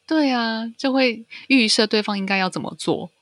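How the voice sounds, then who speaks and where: A woman's voice: a little high, normal speed, a bit bright, no echo. A woman co-hosting a casual chat, mostly giving short, agreeing responses. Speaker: podcast co-host.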